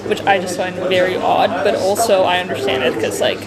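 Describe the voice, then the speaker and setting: A young native Russian speaker from a post-Soviet country vlogs her trip outdoors and in shops and cafes, her fairly low voice moving a little fast over a noisy crowd and loud background music. Her casual monologue is chatty and earnest, packed with "like."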